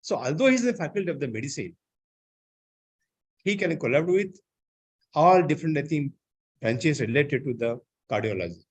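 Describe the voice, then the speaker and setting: A man giving an online seminar lecture, often filling pauses with "I think, you know". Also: fairly high pitch, animated, husky. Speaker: seminar speaker.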